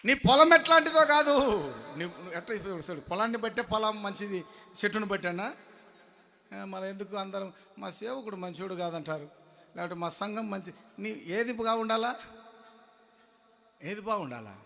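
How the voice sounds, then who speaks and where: A man preaching a sermon, throwing questions at the congregation and swinging between loud shouts and low murmurs. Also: normal speed, creaky, pauses often, long reverb tail.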